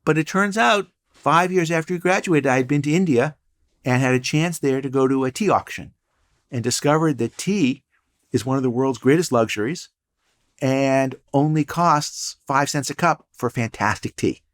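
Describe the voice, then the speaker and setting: A man's voice: medium pitch, moderate pace. Wry storytelling older man. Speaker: guest, entrepreneur and professor. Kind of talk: casual interview chat.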